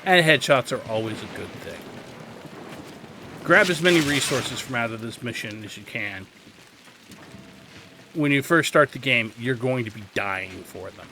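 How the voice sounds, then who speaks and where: An unhurried man with a medium-pitched, animated voice pauses often while giving gameplay guidance. He explains things casually with a slightly wry touch, hosting a video game guide. Clear game sounds fill the background.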